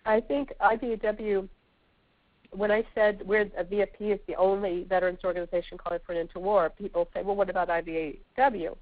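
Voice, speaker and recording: A woman with a scratchy voice from a sore throat and a sniffly cold, answering questions haltingly as a guest on a conference call. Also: mid-range voice, steady tone. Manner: halting, searching for words. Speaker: guest speaker, veterans' organization representative. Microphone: telephone. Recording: tinny, narrowband phone line.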